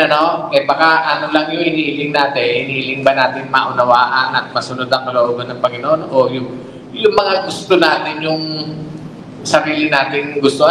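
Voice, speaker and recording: A man preaching a sermon, exhorting his listeners with rhetorical questions. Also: medium pitch. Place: church hall. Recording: echoey hall, faint noise.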